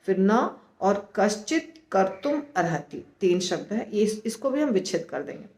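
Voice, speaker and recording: A woman teaching the pronunciation of scripture, slow and deliberate, sounding out syllables one at a time. Her voice sits at an ordinary middle pitch and carries a noticeable echo from the room around her. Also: sing-song, a little mellow.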